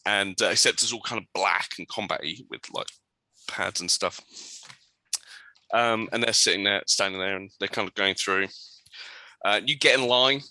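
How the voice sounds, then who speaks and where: A man running a tabletop game, lower voice with a very bright, forward edge and a dry close sound. He is easygoing and keeps filling pauses with ums as he describes each scene. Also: no echo. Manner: relaxed, lots of ums, describing scenes and ruling on rolls. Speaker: game master.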